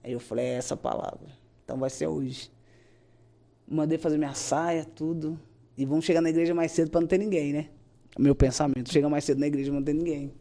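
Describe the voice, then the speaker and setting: A woman's voice: low-pitched, steady tone, quick pace, warm tone. Earnest woman. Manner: earnest storytelling, acting out her own prayers in quotes. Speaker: guest giving a church testimony. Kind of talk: emotional religious testimony.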